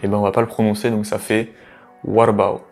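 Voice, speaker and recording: A man's voice: on the low side, level tone, rapid-fire, darkish tone, soft background music. A man in his late teens casually explaining things to the listener, rambling with many fillers and restarts. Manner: addresses the listener familiarly as "tu". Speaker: language tutor.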